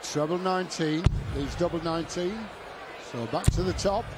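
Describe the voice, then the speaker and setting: A man's voice: on the high side, normal speed. A man giving informal, easy-going live commentary as a darts co-commentator. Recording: loud arena noise behind.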